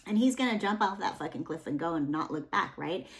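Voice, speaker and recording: A woman's voice: on the low side, animated, a little fast. A young adult woman giving a casual, rambling tarot reading, full of fillers and asides. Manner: rambling, chatty, with many fillers. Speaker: tarot reader.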